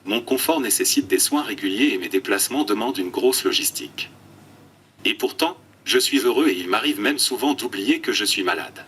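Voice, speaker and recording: A man's synthetic text-to-speech voice giving prepared interview answers in an even, robotic, scripted way. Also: fairly low pitch, moderate pace, breathy edge, recorded from a distance. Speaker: interview guest.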